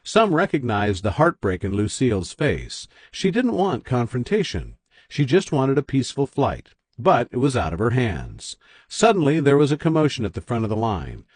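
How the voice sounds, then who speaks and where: A man's voice: medium pitch, wildly swooping pitch, normal speed, breathy edge, no room sound. A man narrating a dramatic written story.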